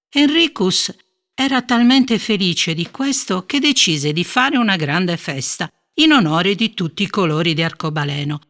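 A wise old grandmother speaks gently and tells an old tale in a storybook story, as a woman acts her out. Her voice is mid-pitched and even, warmly unhurried in its telling. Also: close to an everyday voice.

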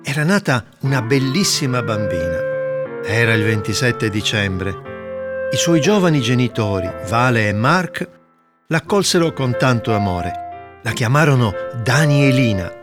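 Guy telling a fairy tale, lively up-and-down voice, guitar music under it. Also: medium pitch, measured pace. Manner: expressive, lilting storytelling. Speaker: narrator. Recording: narration over guitar music.

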